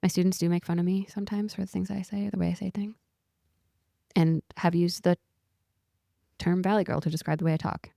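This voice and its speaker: Woman podcast co-host, low gravelly voice, hesitant casual talk. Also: fairly even intonation, fairly quick, long pauses, warm tone, no echo, studio quality. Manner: hesitant, trailing phrasing.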